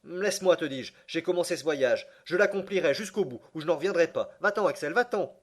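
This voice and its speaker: A man voicing a stern, obstinate older professor in an audiobook, in a forceful, commanding way. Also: a little high, animated, moderate pace. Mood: fierce. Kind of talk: audiobook character reading.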